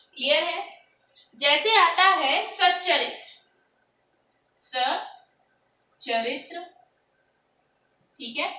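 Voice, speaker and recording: High, slow-talking woman teacher. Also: bright, forceful tone, reverberant, distant mic, poor audio. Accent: Hindi. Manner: asks quiz questions and answers them herself. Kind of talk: classroom lesson on grammar.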